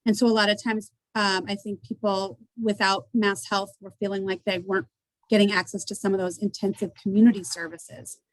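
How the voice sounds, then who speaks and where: A woman's voice: mid-range voice, little pitch movement, brisk, dry recording, poor audio. Brief: woman presenting at a forum, hesitant and full of ums, dry close sound. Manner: hesitant, many ums and restarts. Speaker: community agency representative. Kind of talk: panel presentation. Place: indoor meeting.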